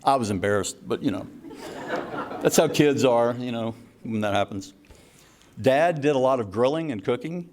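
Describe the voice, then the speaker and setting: A middle-aged man speaks into a mic at a party, telling stories about his parents in an easy, chatty way. His pitch sits in the middle of a man's range. He drifts into little asides and chuckles as he goes. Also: moderate pace, pauses often, slight background noise. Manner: warm storytelling with laughs and asides. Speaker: son giving a tribute speech. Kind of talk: anniversary party speech. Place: party hall with a crowd.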